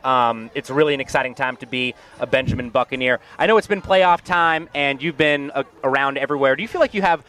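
A man hosting a live high school sports broadcast from a school field, chatting energetically with many fillers. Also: fast, few pauses. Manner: energetic, filler-heavy play-by-play chat. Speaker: radio sports host.

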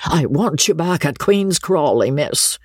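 A reader putting on a coarse old baronet. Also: male voice, on the high side, animated, measured pace, husky, no room sound, clean studio sound, pitched above the performer's own voice. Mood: demanding. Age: older. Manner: rustic ungrammatical speech, pleading. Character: old male baronet, blunt, coarse, pleading.

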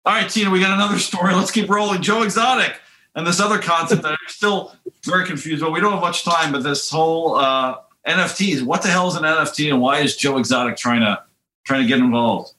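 A male talk show host who jokes his way through the news and loves a good story. His voice is bright and cutting, pitched a bit high, and it bounces around an echoey room. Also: quick pace, slight background noise. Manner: joking, animated storyteller.

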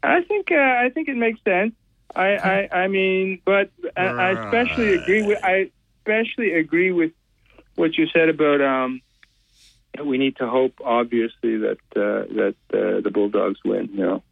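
A man's voice: on the high side, moderate pace, vocal fry, no echo. A man calling in to a sports talk radio show, hesitant and full of fillers, heard over a tinny phone line. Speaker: caller.

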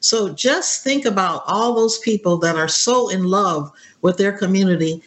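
A woman's voice: mid-range voice, moderate pace. A woman of seventy is a guest on a radio talk show. She speaks casually and upbeat and often breaks into laughter. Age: 70s. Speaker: interview guest. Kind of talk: casual interview chat.

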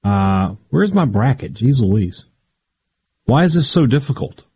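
An American man with a middle-pitched voice co-hosts a sports talk radio show. His delivery is informal and wry, made for casual back-and-forth banter. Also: very animated, a little slow, darkish tone, husky.

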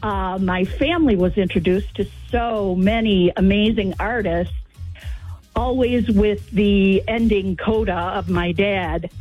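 Slow, husky woman on a dull call. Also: mid-range voice, soft background music. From Wisconsin, suburb of Milwaukee. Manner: slow, halting, emotional storyteller. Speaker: caller, sibling of the late host. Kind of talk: phone-in tribute storytelling.

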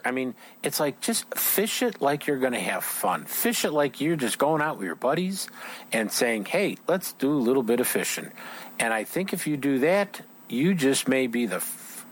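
A man's voice: mid-range voice, sing-song, moderate pace, a little hiss or hum. Guy hosting an outdoors show, chatty and rambling, easygoing casual interview.

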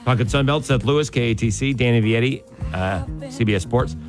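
A man's voice: medium pitch, brisk, faint music behind. A man hosting sports radio in a casual, chatty style.

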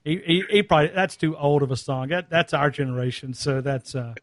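A man's voice: a little high, fairly quick, dry recording, studio quality. A man from North Alabama co-hosting a sports radio show, chatting casually, laughing and restarting his words.

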